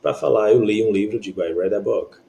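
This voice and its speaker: A man gives a patient English grammar lesson in Portuguese, marked by a Brazilian accent, stopping often to confirm students are keeping up. His warm voice sits on the low side and moves a little fast.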